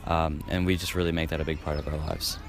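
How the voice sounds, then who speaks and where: A man interviewee speaking quickly in a steady, even way. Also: a bass voice.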